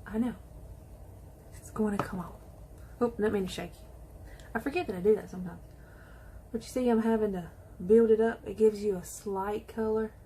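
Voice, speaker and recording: A woman chatting excitedly to viewers while she does her makeup in a casual tutorial. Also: medium pitch, moderate pace, long pauses, slight background noise. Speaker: beauty vlogger.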